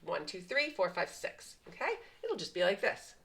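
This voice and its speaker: A woman's voice: lowish voice, sing-song, moderate pace, vocal fry, low-quality recording. A woman teaching piano patterns step by step, patiently explaining and counting the beats aloud. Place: at a piano, indoors. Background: piano playing.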